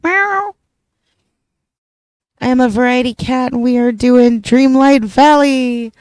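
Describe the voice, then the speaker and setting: A cute, playful game streamer talks to the chat in a gushing, affectionate, kittenish way. The voice sits fairly high and is very smooth, with a close, dry sound. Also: slow, no echo. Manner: cutesy, gushing, affectionate to viewers. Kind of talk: cute playful livestreamer chat with cat-like meows.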